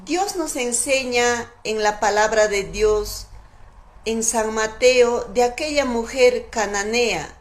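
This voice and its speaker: Woman preacher, fairly high pitch, slow fervent sermon delivery, emphatic repetition.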